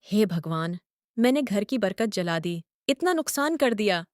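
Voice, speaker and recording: A woman's voice: mid-range voice, lively intonation, measured pace, darkish tone, lightly acted. A woman voicing a young new bride in a cartoon story who cries at everything and speaks in a tearful, apologetic way.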